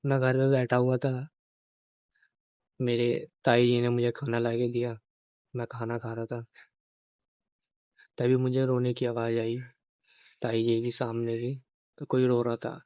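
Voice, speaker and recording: A man's voice: mid-range voice, monotone, unhurried, pauses often, darkish tone, clear, resonant tone, no room sound. A young man, a vlogger, talking about a painful personal memory and often repeating his phrases as he tells it. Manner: grieving, repeats phrases, quotes others in dialogue. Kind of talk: personal storytelling vlog.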